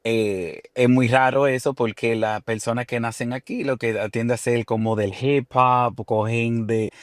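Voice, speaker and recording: A man from New York, a musician guest, answering interview questions in a relaxed way with many fillers and some English words mixed in. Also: medium pitch, measured pace, no echo, clean studio sound.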